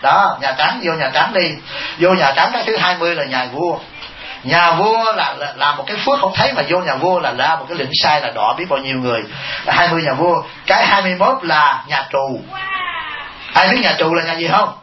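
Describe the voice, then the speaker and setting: A male monk teacher preaches in a high, bright voice, joking with his listeners and throwing them rhetorical questions. The sound is roomy and a little muffled, as if recorded in a reverberant temple hall. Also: lively intonation, a little fast, crowd noise. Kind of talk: humorous dharma talk.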